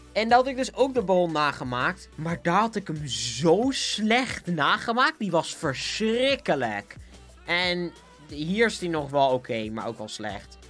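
A man's voice: fairly high pitch, fairly bright tone. A young man with a Dutch accent, chatting casually as a gaming livestreamer, bouncy and giggly, with a sore throat. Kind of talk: casual live game commentary. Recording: faint music behind.

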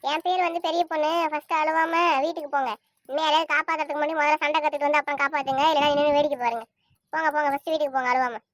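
A tough, tall young woman in a cartoon snaps out threats and scoldings, as a woman voices her. Her voice sits high and rattles along quickly, recorded close and dry. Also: level tone, no echo, close to an everyday voice. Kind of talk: cartoon voice acting.

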